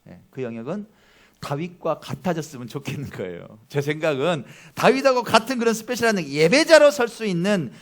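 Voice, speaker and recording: A man preaching a Sunday sermon as pastor, who often asks the congregation questions and swings between loud declarations and low asides.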